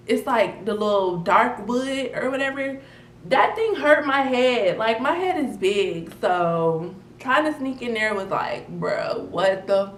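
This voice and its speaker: A young woman vlogger telling a story in casual, slangy chat, jumping from loud outbursts to low mutters. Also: far from the mic. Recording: roomy, off-mic with faint noise.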